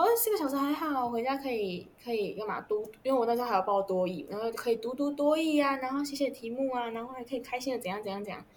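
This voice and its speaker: 一位带台湾口音的年轻女生，以轻松聊天的方式访谈对方，说话常夹带语气词和停顿，声音偏高。背景有微弱的环境杂音。. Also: female voice, on the high side, a little hiss or hum. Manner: chatty, many fillers and trailing pauses. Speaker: interviewer. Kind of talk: casual chat.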